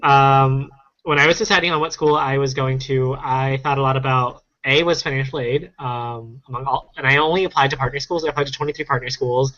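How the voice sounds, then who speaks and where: A college-age man from Arizona speaks on a student panel over a video call. He walks through his reasoning point by point, pausing on fillers. The sound is dull and lo-fi. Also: medium pitch, fairly even intonation, bright, forceful tone. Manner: organized, thinking aloud with fillers. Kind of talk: casual panel talk.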